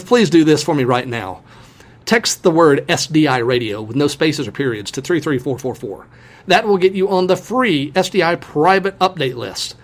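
A male podcast host walks listeners through his subject in a folksy, emphatic manner, calling them his friends. His voice sits somewhat high for a man. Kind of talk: solo explanatory podcast talk.

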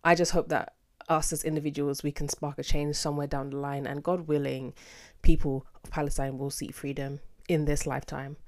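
A British woman hosting a casual solo podcast, with a sassy, theatrical, slangy and expressive way of talking. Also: low voice, brisk. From United Kingdom. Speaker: podcast host.

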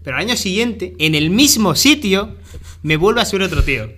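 A young man races through an anecdote on a casual podcast with friends. His voice is bright and a little high, and he talks very quickly, acting out every quoted line. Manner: rapid, lively storytelling, acting out quotes. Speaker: podcast co-host. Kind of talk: casual chat among friends.

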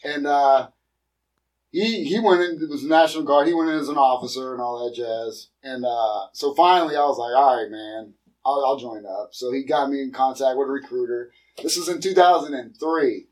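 A man's voice: medium pitch, normal speed, distant mic, poor audio. A middle-aged man from Pennsylvania telling stories in casual chat, slangy and profane. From Erie, Pennsylvania. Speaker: podcast guest, comedian.

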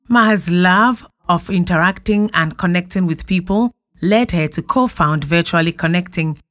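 A woman with a voice on the low side, a journalist who hosts a podcast, opens with a scripted introduction. She then asks questions, punctuating answers with short affirming interjections.

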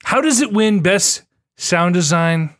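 A young man co-hosting a podcast, sarcastic and animated, swearing as he goes over award results. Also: high-pitched, takes it slowly, dry recording, clean studio sound. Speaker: podcast co-host. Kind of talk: casual chat.

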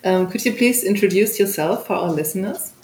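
A woman co-hosting a casual interview, soft-spoken and giggly as she asks questions. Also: medium pitch, fairly quick. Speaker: podcast co-host. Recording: roomy with faint ambience.

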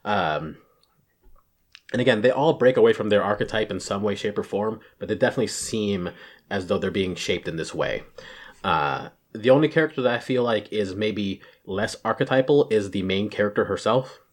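A man's voice: lowish voice, expressive, moderate pace. Man, casual chat, rambling, stumbles on words, office recording. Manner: rambling, stumbles over words, laughs at own slips.

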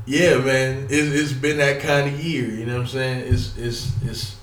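A man's voice: mid-range voice, steady tone, a little slow, fairly bright tone, echoey room, recorded from a distance, slight background noise. A man casually talking about pro wrestling on his own, rambling and cursing, with lots of fillers and stutters. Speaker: wrestling commentator. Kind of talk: casual solo talk.

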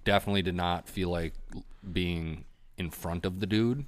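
Deep-voiced man rambling through a casual story. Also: normal speed. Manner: rambling, swears freely, many fillers. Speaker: podcast guest telling a hunting story.

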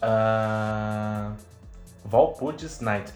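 A man's voice: fairly low pitch, drawn-out words. A man hosting a show in a casual, chatty way. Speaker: show host. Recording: roomy sound with music behind.

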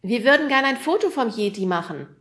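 A woman reading an audiobook, voicing an eager, polite schoolboy with a bright, lifted voice. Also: fairly high pitch, animated, fast talker, pitched above the performer's own voice, lightly acted.

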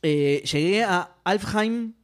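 A young man with an Argentine accent chats about games on a podcast. His voice sits fairly high, and he talks in an animated way, full of swearing and laughter. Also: slow. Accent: Argentine Spanish. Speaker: podcast co-host. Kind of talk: casual gaming chat.

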